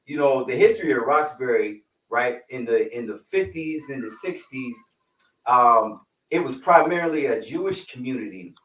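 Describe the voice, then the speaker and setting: Animated male podcast co-host, casual and playful, on a distant echoey call mic. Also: mid-range voice, normal speed. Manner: animated, playful, lots of slang and fillers. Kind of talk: casual podcast chat and guest introduction. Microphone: video call.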